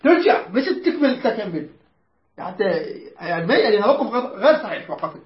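A man with a very high voice teaches Quran recitation rules. He quizzes his students, corrects how they say each word and recites verses slowly and stretched out. The recording sounds roomy and a bit dull. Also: sing-song. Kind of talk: tajweed lesson to students.

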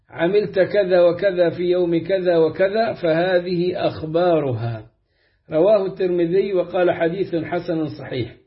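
Man, high voice, measured hadith reading, slow deliberate delivery, muffled lo-fi recording. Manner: slow, deliberate recitation with drawn-out phrases. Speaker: hadith reader. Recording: dull lo-fi recording.

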